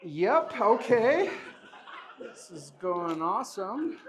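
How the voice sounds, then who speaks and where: A man's voice: high voice, very animated, slow, slightly rough. A man performing as a magician at a live show, joking and encouraging a volunteer with chuckling banter. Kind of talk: live stage patter with a volunteer. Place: live show in front of an audience.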